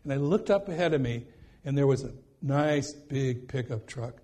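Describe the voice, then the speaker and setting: A man's voice: mid-range voice, expressive, moderate pace, dark tone. A man preaching a sermon in a folksy, rambling way, often checking in with "okay?".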